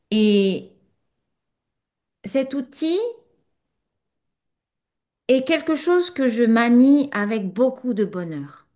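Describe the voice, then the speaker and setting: A mid-range, darkish voice belongs to a woman spiritual teacher answering a student at a satsang in French, which isn't her first language. She's contemplative and pauses a lot, with fillers.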